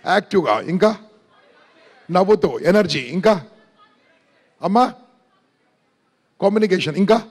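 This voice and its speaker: Middle-aged male motivational speaker, high voice, energetic, keeps quizzing the crowd. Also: unhurried, long pauses, breathy edge. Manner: energetic, questions the audience, mixes in English. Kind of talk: motivational seminar talk.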